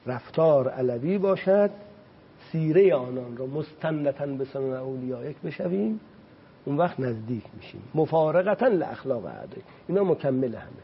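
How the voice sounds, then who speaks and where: A man speaking as a religious guest on a talk show, preaching with passion and slowly reciting Arabic quotations. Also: mid-range voice, animated, creaky, lo-fi sound, slight background noise. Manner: impassioned, rises sharply on points.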